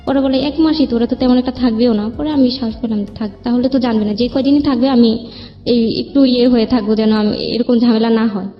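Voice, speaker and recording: A woman with a Bangladeshi accent and a fairly high voice tells her own life story as an interview guest, talking briskly with fairly even intonation. Her narration is plain-spoken and rambling, with reported dialogue acted out. The band-limited sound is slightly dull, with background music.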